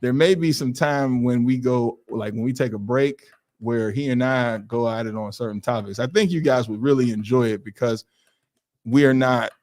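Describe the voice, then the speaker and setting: A man's voice: mid-range voice, moderate pace. A man in his forties co-hosting a podcast, telling stories casually and acting out other people's lines. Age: 40s. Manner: animated storyteller, acts out others' voices. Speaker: podcast co-host. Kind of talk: casual chat.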